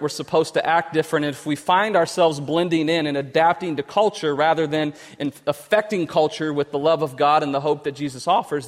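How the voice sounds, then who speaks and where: A man preaching a conversational sermon as pastor, telling stories with lively restarts. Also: on the high side. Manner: conversational, animated storytelling with restarts. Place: church sanctuary. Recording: long hall reverb.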